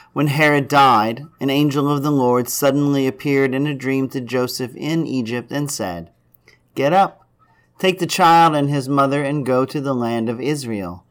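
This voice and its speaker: A man preaching at a pulpit microphone, chatty and relaxed in his delivery, with joking asides and self-corrections. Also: mid-range voice. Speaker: priest. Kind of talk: sermon.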